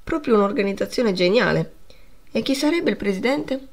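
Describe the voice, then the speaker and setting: A woman's voice: on the high side, lively intonation, normal speed. A woman reading as a stern old-school male teacher. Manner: stern questioning. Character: stern male schoolteacher, middle-aged, severe.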